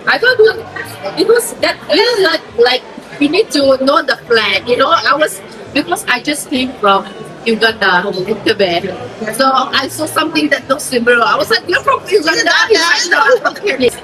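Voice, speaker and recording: A woman chatting casually with a friend over brunch and telling a story in an animated way. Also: high-pitched, moderate pace, crowd noise. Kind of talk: casual chat.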